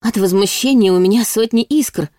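A woman narrating a first-person audiobook with an expressive reading. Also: mid-range voice, normal speed, no room sound, clean studio sound. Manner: expressive reading, voicing indignant quotes.

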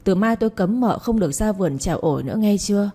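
Woman playing a deadpan teasing young husband. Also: medium pitch, quick pace, husky. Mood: bossy. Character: young husband, cold-faced, teasing and bossy.

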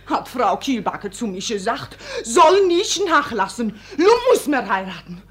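A woman's voice: on the high side, very animated, measured pace, fairly bright tone. An actress playing a desperate, tearful young servant girl who speaks broken German, in 1950s radio play style. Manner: broken German, pleading then defiant.

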